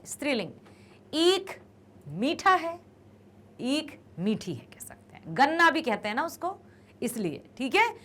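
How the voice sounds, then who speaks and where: A woman teaching a grammar lesson, explaining patiently and repeating each word slowly. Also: high-pitched, fairly bright tone.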